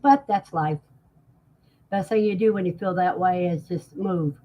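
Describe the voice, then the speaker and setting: A woman's voice: fairly low pitch, a little slow, warm tone. A woman in her sixties hosting a casual livestream chat, folksy and talkative, reading out viewer comments and answering them. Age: 60s. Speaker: livestream host. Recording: dull lo-fi sound.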